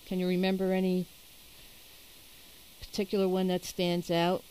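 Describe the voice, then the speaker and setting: A woman's voice: fairly low pitch, monotone, normal speed, darkish tone, smooth, low-quality recording. A woman interviewing a guest, asking conversational questions and thinking aloud as she goes.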